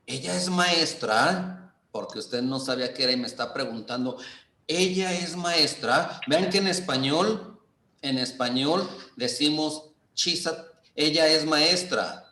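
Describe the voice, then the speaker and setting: A man teaching English in Spanish with a Mexican accent, explaining slowly and patiently and repeating example sentences. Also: medium pitch, sharp tone, reverberant. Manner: slow, patient, repeats phrases and stresses intonation. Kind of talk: online class explanation.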